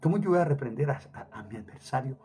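A man's voice: medium pitch, lively intonation, fast talker, dark tone, slightly rough. A middle-aged man preaching a sermon emphatically, repeating phrases for stress and dropping Hebrew words into his talk.

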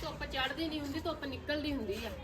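A very high-pitched woman speaks in casual family chat. The sound is echoey, with clear chatter around her. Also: fast.

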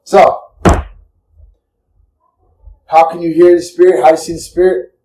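Male preacher, fervent and repetitive, mellow voice, mic a little far off. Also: on the high side, level tone, a little slow, roomy sound. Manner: impassioned, repetitive, emotional. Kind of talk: sermon.

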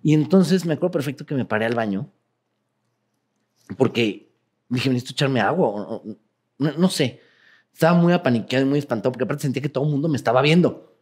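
Animated Mexican man telling anecdotes. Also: mid-range voice, quick pace, long pauses, breathy edge. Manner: profane, animated, laughing while telling anecdotes. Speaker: guest. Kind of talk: casual storytelling interview.

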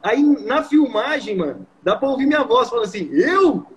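A young man in his twenties with a Brazilian accent, telling a story as a guest in a casual, slangy, animated way. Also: very high-pitched, a little fast, lo-fi sound. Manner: slangy, animated, peppered with "mano" and "velho". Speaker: guest preacher.

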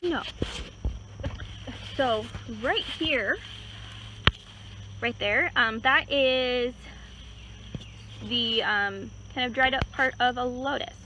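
A woman's voice: a little high, drawn-out words, long pauses. Chatty woman outdoors, crickets behind. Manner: relaxed, chatty, many fillers and hedging words. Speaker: nature guide. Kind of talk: casual outdoor nature walk explanation. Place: outdoors beside a pond. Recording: outdoor recording with clear insect and cricket noise. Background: crickets and insects in a rural setting.

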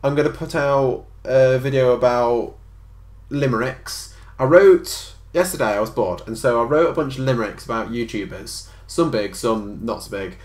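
A man's voice: medium pitch, normal speed, darkish tone. A young man hosting a casual chat with dry, teasing humour. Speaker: host. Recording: echoey room.

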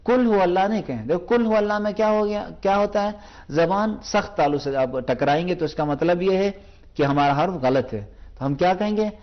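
A man whose voice sits high demonstrates Quran recitation on a TV lesson, patiently explaining how to pronounce things and repeating each sound slowly. High frequencies are missing from the recording.

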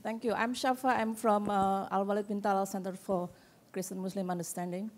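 A woman with an Indonesian accent puts a question to a panel from the audience. She pauses often and reaches for her words as she goes. Her voice sits at an ordinary middle pitch. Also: flat delivery. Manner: hesitant, searching for words, many fillers. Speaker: audience member asking a question.

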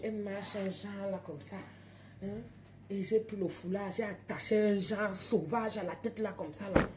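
A woman's voice: mid-range voice, dark tone, a little hiss or hum. A woman with an African French accent, telling stories and chatting straight to her viewers on a casual live stream from home at night.

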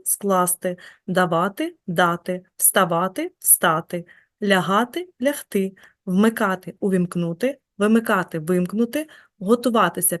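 A woman teaching a grammar lesson to pupils in a clear, measured way, speaking to them directly. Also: mid-range voice, dry recording, clean studio sound. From Ukraine. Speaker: Ukrainian language teacher.

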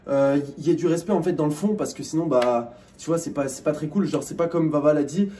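A man's voice: a little high, fairly quick, dark tone, a little hiss or hum. A man from France, a YouTuber co-host, casually explaining things to his viewers with many restarts and fillers.

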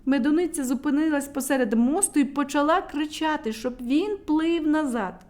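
A woman storyteller reading a children's tale aloud in a lively, dramatic way. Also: high voice, moderate pace.

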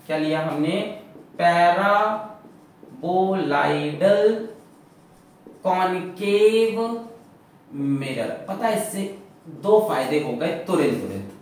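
A man teaching a physics lecture, lively and full of rhetorical questions, mixing English terms into his explanation. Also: high-pitched. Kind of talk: classroom lecture. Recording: echoey classroom from far off.

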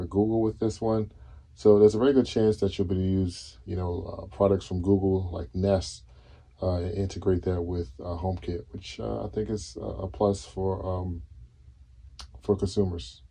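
A man in his thirties talking casually to camera in a solo tech video, relaxed and full of fillers and restarts, seated indoors. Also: sits low, normal speed, creaky, slightly rough. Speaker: tech vlogger. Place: dim indoor room, seated on a couch.

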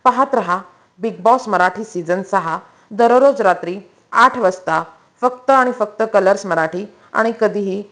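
A woman narrating a scripted entertainment news voice-over in a brisk, even newsreader manner. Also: mid-range voice.

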